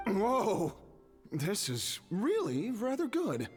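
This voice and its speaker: A man voicing a wide-eyed, expressive amateur food taster in a video game, with a husky voice. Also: high voice, slow pace, full character voice. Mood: excited. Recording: reverberant game audio with music behind.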